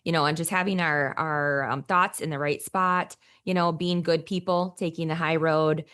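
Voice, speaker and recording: Low-voiced upbeat woman co-host. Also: fairly even intonation, normal speed, a bit bright, clean tone, no room sound, studio quality. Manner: upbeat, rambling, many fillers and restarts. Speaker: podcast co-host, counselor. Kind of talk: casual podcast chat.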